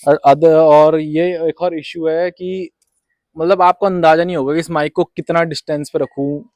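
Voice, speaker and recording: A man's voice: a little high, steady tone, normal speed, darkish tone, dry recording. Young man, casual vlogger, rambling and repetitive, clip-on mic, dry sound. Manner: rambling, repeats himself, mixes English words into Hindi. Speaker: vlogger reviewing a microphone. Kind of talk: casual unboxing vlog. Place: rooftop outdoors and indoors. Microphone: wireless clip-on mic and phone mic.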